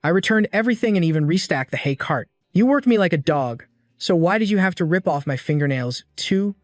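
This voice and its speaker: A woman's voice: on the low side, animated, brisk, darkish tone, no room sound, studio quality, soft background music, lightly acted. A man narrator voicing a humiliated young woman bandit leader who wails with an aggrieved tone in a recap story. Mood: wailing. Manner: wailing, aggrieved.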